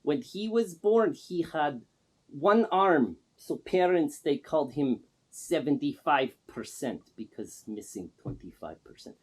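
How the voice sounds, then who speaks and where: Guy putting on a fake russian accent, weird self-declared pop star, slow broken english, totally deadpan. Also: on the high side, slightly rough. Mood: deadpan boastful. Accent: put-on Russian. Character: eccentric self-proclaimed man pop star, boastful. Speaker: interviewee.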